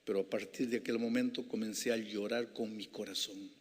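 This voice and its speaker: A man preaching an evangelistic sermon, shifting between hushed, intimate passages and impassioned, rising climaxes. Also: fairly low pitch, steady tone, fairly quick, husky. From Peru. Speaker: pastor. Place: large civic center hall. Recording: reverberant civic hall.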